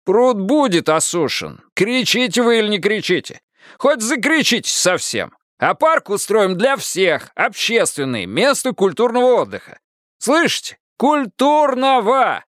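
A man voicing a pompous male mayor who shouts down a rowdy crowd in an audiobook, loud and strained. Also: fairly high pitch, very animated, moderate pace, dry recording, studio quality, pitched above the performer's own voice. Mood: exasperated.

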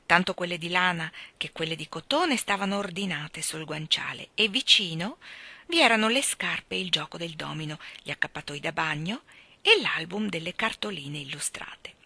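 A woman reading a children's novel aloud in a gentle storytelling way that sometimes drops to a hush. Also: lowish voice, no echo. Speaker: reader.

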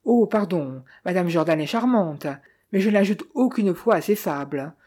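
A woman's voice: on the low side, animated, moderate pace, dark tone, husky. A woman reading the lines of a blunt, dismissive older businessman in an audiobook. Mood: curt. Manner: curt, dismissive.

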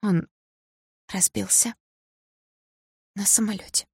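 A woman reading an audiobook, voicing a grieving young woman whose voice is hoarse from tears. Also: medium pitch, fairly even intonation, slow, a little mellow, dry recording, studio quality, voice pushed up, exaggerated voice. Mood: tearful.

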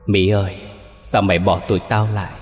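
A man's voice: low-pitched, little pitch movement, fairly quick, darkish tone, in a large hall, faint music behind, close to an everyday voice. A man voicing wailing ghosts of murdered girls. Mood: beckoning.

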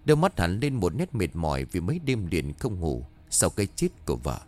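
A man narrating a horror story in a dramatic, expressive way. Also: low-pitched, fairly quick. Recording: faint background music.

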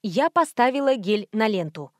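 A woman narrates a first-person audiobook with a lively, wry delivery. Her voice sits a little high and the recording is dry and close. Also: normal speed, no room sound.

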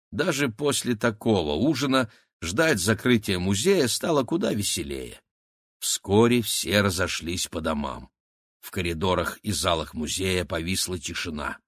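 A man reading an adventure audiobook aloud in a steady, measured narrating style. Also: lowish voice, no echo, clean studio sound. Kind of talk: scripted narration.

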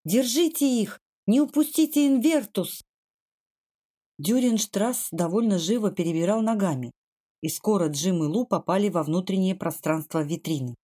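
A woman reading a story aloud in a steady, even-paced narration. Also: mid-range voice. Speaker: audiobook reader.

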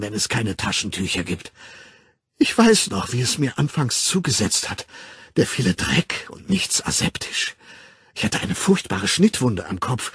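A man reading an audiobook voices a distraught, tearful middle-aged woman who pleads, whines and breaks into husky whispers. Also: medium pitch, no echo, clean studio sound, heavily acted.

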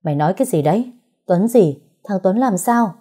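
Một phụ nữ đóng vai bà mẹ chồng lớn tuổi, hống hách, hay quát mắng và gào khóc. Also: female voice, mid-range voice, lively intonation, brisk, husky. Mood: scolding. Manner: shouting, wailing. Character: domineering older mother-in-law, shrill and scolding.

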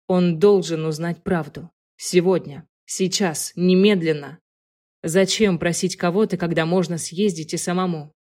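A woman narrating an audiobook in a calm, soft, even manner. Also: on the low side, measured pace.

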